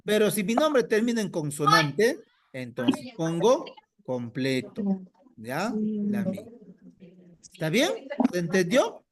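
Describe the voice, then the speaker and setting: Slow, lively-pitched male teacher. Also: crowd noise. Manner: patient, questions students by name; repeats and spells out answers slowly. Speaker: language teacher. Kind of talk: online class teaching.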